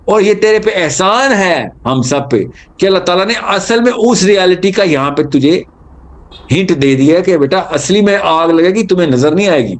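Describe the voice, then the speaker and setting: A man giving an animated religious talk, telling stories and mixing in English terms. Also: sits high. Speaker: Islamic speaker.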